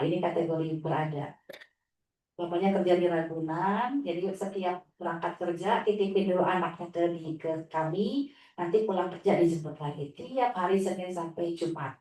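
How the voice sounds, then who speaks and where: A woman religious teacher tells an inspirational story about her students in a low-pitched voice, now and then jumping high to mimic a sulky child. She sounds far from the mic in a very echoey hall. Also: darkish tone. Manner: storytelling, acting out a child's whiny replies. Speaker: Islamic teacher. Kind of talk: inspirational sharing talk. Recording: echoey room, distant mic.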